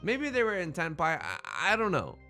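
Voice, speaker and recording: Over faint music, this Let's Play host rambles through jokey, casual game commentary and banter, often stammering and repeating himself. His voice runs on the high side with wildly swooping pitch, vocal fry, a sharp tone, and normal speed.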